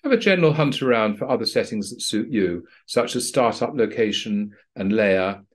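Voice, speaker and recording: A man narrating a screen-recorded software tutorial for pilots in a plain, practical, dryly understated way. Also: lowish voice, moderate pace. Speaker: flight training instructor.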